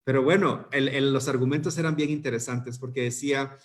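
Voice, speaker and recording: A man's voice: mid-range voice, steady tone, a little fast. A man preaching a youth service sermon, conversational and full of rhetorical questions.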